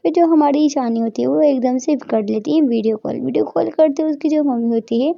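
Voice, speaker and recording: A woman storyteller recounts a tale with a high, gravelly voice and a dark, mellow tone. The recording is dry, close and dull, like lo-fi audio. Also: brisk, no echo. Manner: recounting, repeats "jo hamari... hoti hai". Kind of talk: storytelling narration.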